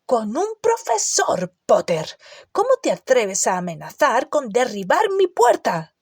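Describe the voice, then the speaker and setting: Storybook giant gamekeeper, gruff, growly and loud, put on by a woman narrator; dry, close sound. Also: medium pitch, animated, unhurried, no echo. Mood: furious. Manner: growling, roaring, grumbling. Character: huge gruff half-giant gamekeeper man. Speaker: audiobook character.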